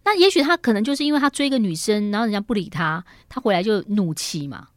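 A woman's voice: mid-range voice, animated, fast talker, dry recording. A middle-aged woman radio host with a Taiwanese Mandarin accent, chatty and joking, murmuring agreement as she interviews a guest in a studio.

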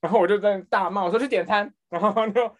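A man with a Taiwanese Mandarin accent telling a work story in casual podcast chat, acting out the people he quotes. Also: racing. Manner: animated, acts out quoted people with big pitch jumps. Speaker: podcast co-host.

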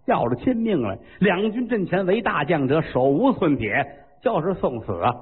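A man voicing a weary, timid marshal who speaks in a low, resigned way. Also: very animated, moderate pace, big-room sound, phone-quality sound.

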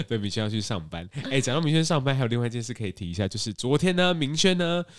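A man hosts a casual podcast. He tells stories in an animated way, laughs often and repeats himself. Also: medium pitch, fast talker, no room sound, clean studio sound. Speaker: podcast host and street tour guide.

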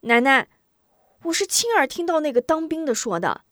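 A woman voicing an eager young boy who pleads urgently in a high, loud voice. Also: big pitch swings, normal speed, dry recording, clean studio sound.

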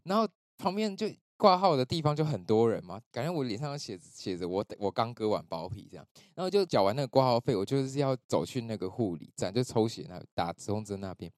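A man with a Taiwanese Mandarin accent chats on a podcast, telling a personal story in a rush. His pitch leaps up and down as he acts out the people he met. The sound is close and dry, with no room echo. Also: quick pace, hardly any pauses. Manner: animated storytelling, acts out quoted voices. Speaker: podcast host. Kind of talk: casual chat, storytelling.

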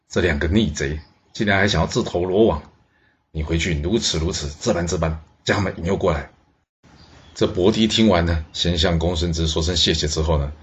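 A man telling a historical tale in a lively way, exclaiming and speaking asides to the listeners. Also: sits low. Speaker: storyteller. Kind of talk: historical storytelling. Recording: dull lo-fi recording.

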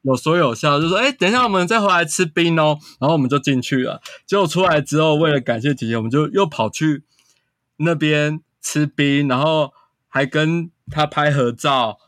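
Guy telling a story, higher voice, keeps going "and then", dry close sound. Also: moderate pace, no echo. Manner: animated anecdote-telling with quoted dialogue and frequent "然后". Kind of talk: casual storytelling.

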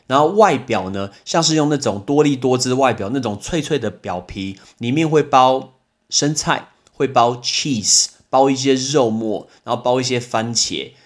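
A young man hosts a casual English vocabulary lesson, chatting and explaining with everyday examples. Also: mid-range voice. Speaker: podcast host and English teacher.

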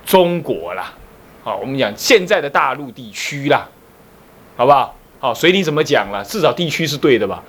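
This Buddhist abbot teaches his class in a lively lecture, his Taiwanese Mandarin accent carried on a medium-pitched, somewhat bright, sing-song voice at a normal pace. He tests his listeners with questions and slips in playful, teasing remarks.

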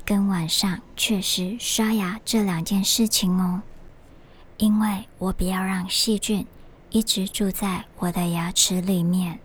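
A woman voicing a shy little girl in a storybook, speaking softly and sweetly in a hushed, unhurried way. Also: mid-range voice, husky. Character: small shy girl nervous at the dentist.

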